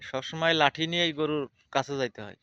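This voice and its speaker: A man's voice: a little high, steady tone, brisk, bright, forceful tone, clean tone, no echo, lo-fi sound. A man, chatting casually as a vlogger while outdoors with a cow. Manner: chatty, repetitive commentary. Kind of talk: casual vlog narration.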